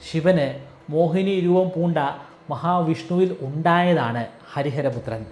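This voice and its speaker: A man narrating a history explainer, telling the story in a measured way and voicing the questions of the people in it. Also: a little high, a little mellow, echoey room. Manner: storytelling, acts out quoted questions. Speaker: educational narrator.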